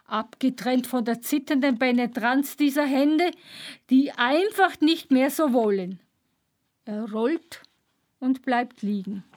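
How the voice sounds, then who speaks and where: A woman reading a first-person literary narration in clipped, measured fragments. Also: sits high, darkish tone. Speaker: reader.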